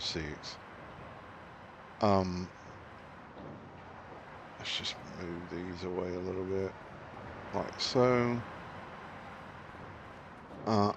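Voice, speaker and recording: A man's voice: sits low, fairly even intonation, takes it slowly, long pauses, lo-fi sound, background noise. A middle-aged man hosting a farming game video, rambling and ranting in casual commentary with lots of fillers and restarts. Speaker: gaming channel host.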